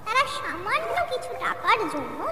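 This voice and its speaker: Woman doing a cartoon mermaid, very high voice, lively and swooping, loud noise behind. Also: normal speed, full character voice. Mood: warning. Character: gentle pleading mermaid, leader of a group. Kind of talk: cartoon voice acting. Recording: echoey long reverb with loud background noise.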